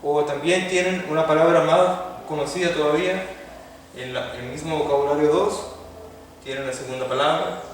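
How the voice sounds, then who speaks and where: A man's voice: fairly high pitch, fairly even intonation, moderate pace, slight background noise. A man teaching a Hebrew class in a classroom lecture, explaining patiently step by step and checking in with his students. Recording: echoey hall from far off.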